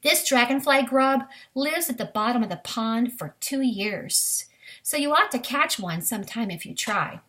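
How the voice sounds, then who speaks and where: A somewhat high, slightly bright female voice with lively intonation reads a children's nature book at a rather slow pace. She speaks instructively to young listeners and now and then offers a brief aside of her own.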